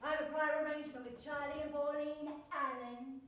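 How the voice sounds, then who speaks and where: A blunt, bullying gangster man with a high voice, acted by a woman. It is theatrical farce, recorded from a distance with heavy echo. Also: steady tone, a little fast, lo-fi sound, lightly acted. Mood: indignant. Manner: blunt, demanding, loud bursts. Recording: echoey distant stage recording, faint noise.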